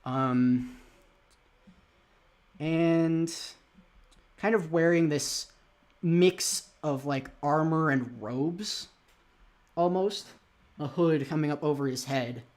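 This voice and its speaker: A man's voice: on the high side, extremely slow, pauses often, a little mellow. A man narrating as game master of a tabletop game, hesitant and full of fillers.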